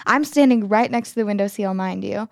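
A woman's voice: mid-range voice, a little fast, creaky, no echo, studio quality. A young woman chatting casually about a play she acted in, telling stories with lots of giggling. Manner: giggly, animated storytelling. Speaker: student actor recalling a play. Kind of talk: casual chat.

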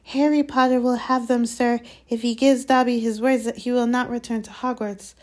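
A woman voicing an anxious, pleading male house-elf with a high, squeaky voice. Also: flat delivery, normal speed, a little mellow, close to an everyday voice. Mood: urgent. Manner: high, pleading, speaks of himself by name.

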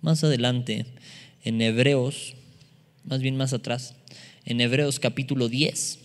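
A man preaching a sermon as pastor, animated and acting out dialogue in shifting voices. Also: mid-range voice, slow pace. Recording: long reverb of a hall.

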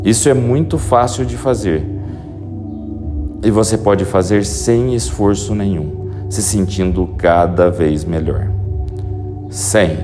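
A man leads a guided hypnosis relaxation with slow, soothing instructions, like a sleep story narrator. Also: lowish voice. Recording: music behind the voice. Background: prominent music.

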